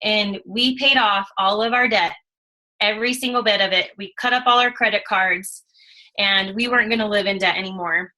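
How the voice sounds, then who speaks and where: A woman in her thirties telling her own story in a casual, animated way, acting out what she and others said. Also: medium pitch, normal speed, low-quality recording. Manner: animated, emotional storytelling with quoted asides. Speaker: network marketing distributor. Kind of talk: casual testimonial chat.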